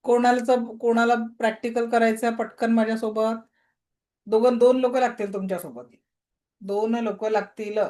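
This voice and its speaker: A woman teaching an online reiki class, giving calm, repetitive guided-healing commands over a video call. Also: on the high side, moderate pace.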